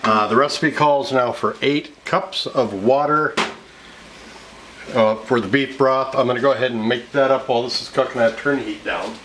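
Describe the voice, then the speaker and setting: A man's voice: medium pitch, normal speed. A man in his fifties with an American accent, talking casually as a cooking show host and explaining each step of a recipe. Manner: explanatory, conversational step-by-step narration. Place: home kitchen, indoors. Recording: clear background noise, kitchen clatter.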